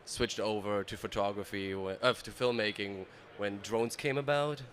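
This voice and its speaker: A man's voice: fairly low pitch, fairly even intonation, moderate pace, a bit bright. German-accented man, easygoing interview guest. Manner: easygoing, laughs often, loose storytelling. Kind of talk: casual trade-show interview. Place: trade show floor.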